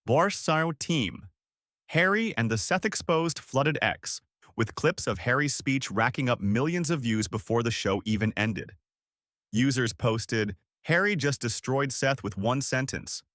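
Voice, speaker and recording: A man's voice: medium pitch, fairly bright tone, dry recording, clean studio sound. A man reading a dramatic scripted story as its narrator.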